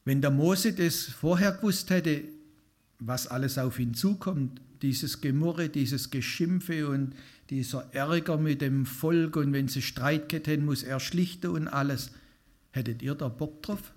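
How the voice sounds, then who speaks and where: A man's voice: fairly high pitch, a little mellow. Man giving a chatty sermon. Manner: conversational, asks the congregation questions. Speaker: lay preacher. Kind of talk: informal sermon.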